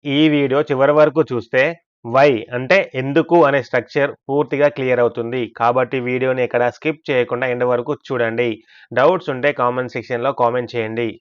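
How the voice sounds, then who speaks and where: A man's voice: mid-range voice, steady tone, quick pace, clean tone, no echo, muffled recording. A man teaching English grammar in a scripted lesson, explaining step by step and asking and answering his own questions. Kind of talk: scripted language lesson narration.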